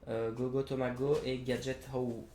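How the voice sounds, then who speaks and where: A young man talks through new trading cards in a relaxed, halting way, pausing on fillers and correcting himself as he goes. His voice sits at an ordinary pitch for a man. The room around him rings with echo over a faint background hiss. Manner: hesitant, many fillers and self-corrections. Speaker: card game reviewer. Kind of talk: casual product review.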